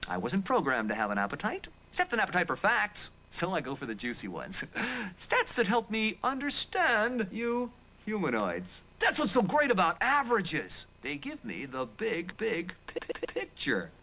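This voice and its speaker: A giggly stammering computer glitch. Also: male voice, sits high, wildly swooping pitch, normal speed, sharp tone, heavily acted. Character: wisecracking male computer graphics glitch host. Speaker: fact-spouting cartoon host. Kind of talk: children's TV cartoon segment.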